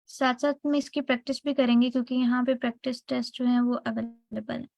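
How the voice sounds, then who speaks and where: Higher-voiced woman teaching an online class. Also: little pitch movement, fairly quick, creaky, darkish tone, dry recording, poor audio. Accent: Pakistani. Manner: explains step by step, checks in with students often.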